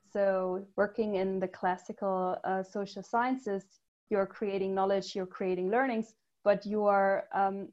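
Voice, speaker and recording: A German woman appears as a guest on a podcast interview, where she works as a user research lead and speaks thoughtfully, with many ums and restarts. Her voice is mid-range and a little mellow, and the recording has its highs cut off.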